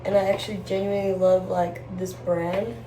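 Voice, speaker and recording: A woman's voice: medium pitch, little pitch movement, normal speed, warm tone, faint music behind. A young woman chatting casually to camera in a rambling, slangy, girly way as she vlogs indoors. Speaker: lifestyle vlogger. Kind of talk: casual get-ready-with-me chat to camera. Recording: roomy, distant mic, faint background noise.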